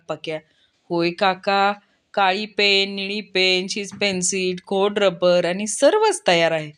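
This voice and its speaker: Slow, unhurried woman reading jokes. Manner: unhurried, deliberate delivery, dropping low and soft to name each speaker. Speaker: joke reader.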